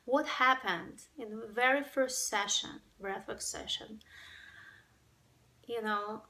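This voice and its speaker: A woman with a Ukrainian accent, a breathwork facilitator telling her personal story to camera in an earnest way, often pausing to search for words. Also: medium pitch, pushed and bright, poor audio. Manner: earnest, searching for words, many "you know"s.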